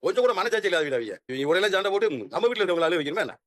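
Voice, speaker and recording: A man's voice: high voice, lively intonation, rapid-fire, a bit bright, dry recording. An actor playing an earnest family man, heated and indignant, in a TV serial. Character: earnest family man upset over in-laws. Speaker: husband and family elder. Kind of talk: TV serial acting.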